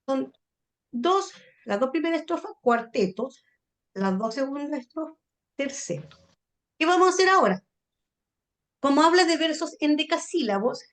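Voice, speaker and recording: A woman from Chile with a Chilean accent, a literature teacher explaining sonnet form in an online class, often checking in with her students. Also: high-pitched.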